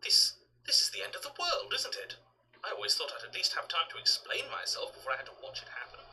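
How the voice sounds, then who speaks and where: An anxious male inner voice from a video game. He sounds squeamish and pleading, with a very bright, tense tone. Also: medium pitch, animated, quick pace, far from the mic, a little hiss or hum, poor audio. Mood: uneasy, bewildered. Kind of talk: dramatic video game voice acting.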